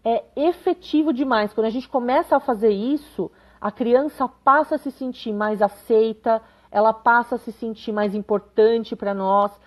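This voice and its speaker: A woman's voice: on the high side, normal speed, hardly any pauses. Chatty woman giving parenting advice. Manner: conversational, frequent tag questions, reads comments aloud. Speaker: parenting educator. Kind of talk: live-streamed parenting talk.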